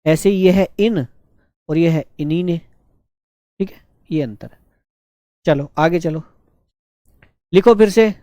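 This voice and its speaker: A man teaching a shorthand class, teasing his students and dictating words slowly. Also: on the high side, mellow, no room sound, studio quality. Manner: slow, drawn-out dictation. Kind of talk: live online class dictation.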